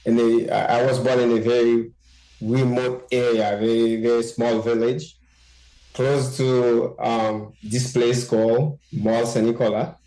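A man from Haiti speaks as an interview guest, working through his answers slowly with frequent fillers and restarts. His voice sits at an ordinary pitch, and the recording carries a roomy echo. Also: flat delivery, warm tone. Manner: halting, many fillers and restarts. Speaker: guest journalist. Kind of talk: interview conversation.

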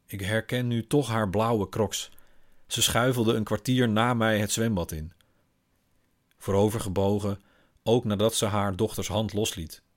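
A man, a father, reading a first-person literary story in a calm, wry, observant manner. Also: lowish voice. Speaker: father and narrator.

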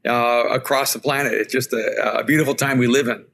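A man from El Salvador whose first language is Spanish, speaking as a podcast guest in an earnest, reflective storytelling way, in quick bursts. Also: medium pitch, fairly even intonation, vocal fry, a bit bright. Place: remote call from home.

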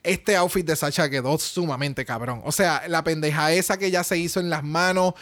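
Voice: mid-range voice, moderate pace, fairly bright tone. A podcast co-host chatting casually in emphatic, profane Spanglish, switching between Spanish and English slang. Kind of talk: casual chat, opinionated review.

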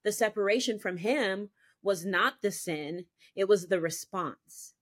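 A woman appears as a guest on a faith podcast to give her personal testimony at a measured pace and a medium pitch. She is earnest and emphatic, looping back over her own points and saying "I'm telling you" again and again.

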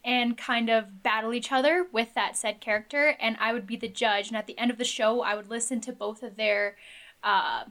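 A woman's voice: a little high, steady tone, moderate pace, fairly bright tone. A young woman chatting as a guest, upbeat and talkative. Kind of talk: casual chat.

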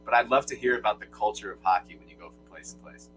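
A man's voice: lowish voice, quick pace, fairly bright tone, faint music behind, poor audio. A young man from Michigan co-hosting a casual sports podcast, with an upbeat, hype-man delivery. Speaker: podcast co-host.

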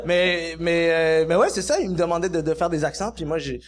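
A man's voice: on the high side, fairly quick. A man with a Quebec French accent, a comedian guest on a podcast, telling meandering stories with laughter and casual swearing.

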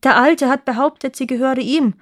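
A woman's voice: high voice, normal speed, no echo, voice pushed up, lightly acted. A chatty palace guard from a storybook, dreamy and gossipy, passing on news in a confiding tone, as a woman reads him. The recording is close and dry.

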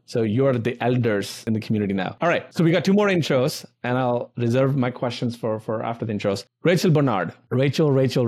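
A man's voice: medium pitch, a little mellow. A man hosting a podcast, talking in an effusive, earnest way with lots of casual fillers over a video call. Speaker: podcast host.

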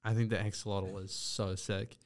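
A man's voice: on the low side, level tone, moderate pace. A man co-hosting a podcast, chatting casually with dry joking asides. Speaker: podcast co-host. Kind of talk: casual chat.

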